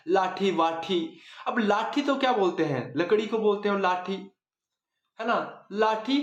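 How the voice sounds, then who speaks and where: A man's voice: high voice, reverberant. A man teaching a casual Hindi grammar lesson, chatty, repeating words for emphasis and asking and answering his own questions.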